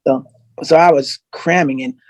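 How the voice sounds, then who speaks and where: This man, a guest singer, tells lively stories during a relaxed video call and keeps restarting his thoughts. His pitch sits on the high side, he talks at a normal speed, and the audio is dry.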